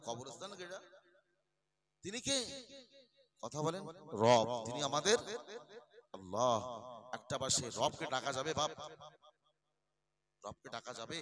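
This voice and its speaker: A man preaching a sermon, moving from low conversational asides to loud, drawn-out sung chanting, with rhetorical questions thrown to the listeners. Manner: repeats lines and asks the crowd rhetorical questions. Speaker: Islamic preacher.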